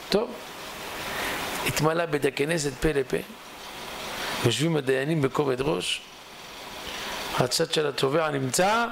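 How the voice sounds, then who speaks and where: Rabbi storyteller, high voice with a gravelly edge, dramatic sermon delivery. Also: male voice, pauses often, noisy background. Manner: dramatic storytelling, shifting pace. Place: synagogue.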